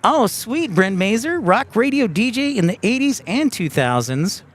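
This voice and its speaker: A man's voice: high voice, a little slow. Chatty man hosting an outdoor live stream. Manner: relaxed, reads viewer comments aloud. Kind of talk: casual live-stream chat. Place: outdoors by an airport.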